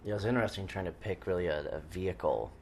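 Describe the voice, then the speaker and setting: A man co-hosting a casual film commentary in an informal, halting way, recorded on a handheld recorder in a living room. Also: low-pitched, expressive, slight background noise. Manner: informal, halting, joking asides. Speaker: filmmaker co-commentator. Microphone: handheld portable recorder in the room.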